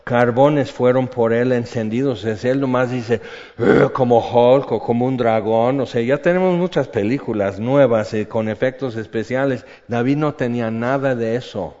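An older man preaching a sermon, animated and conversational, dropping to a hush for emphasis. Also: medium pitch, normal speed, hardly any pauses. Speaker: pastor. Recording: echoey hall, dull lo-fi sound.

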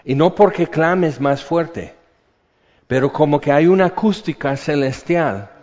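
An older man preaching a sermon, animated and conversational, dropping to a hush for emphasis. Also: on the high side, unhurried. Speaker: pastor. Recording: echoey hall, dull lo-fi sound.

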